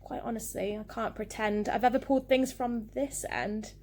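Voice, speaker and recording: A woman's voice: a little high, steady tone, normal speed, darkish tone, a little hiss or hum, lightly acted. Cheery, theatrical dentist man, read by a woman teacher, storybook villain. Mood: gleeful. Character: gleeful pompous male dentist.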